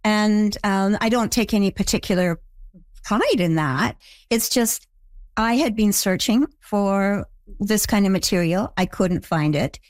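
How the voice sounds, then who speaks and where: Older canadian woman, show creator, thinks out loud, stumbles a bit, dry sound. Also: medium pitch, a little slow, dry recording. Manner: reflective, with stammered restarts. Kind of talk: interview answers.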